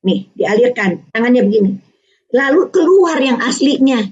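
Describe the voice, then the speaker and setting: A woman's voice: on the high side, expressive, moderate pace, darkish tone. An older woman teaching a parenting webinar, quizzing her audience with tag questions. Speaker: parenting speaker. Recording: dull online webinar audio.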